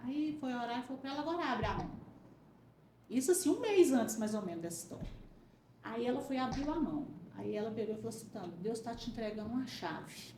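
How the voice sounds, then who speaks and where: Guest storyteller: woman, higher voice, roomy sound with a faint hiss. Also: fast talker. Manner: animated storyteller, acts out quoted voices. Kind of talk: testimony in casual chat.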